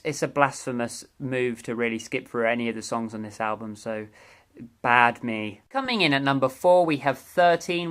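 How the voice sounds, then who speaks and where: A young man giving a casual, enthusiastic ranked album review, chatty and quick to correct himself mid-sentence. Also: a little high, a bit bright. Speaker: music reviewer.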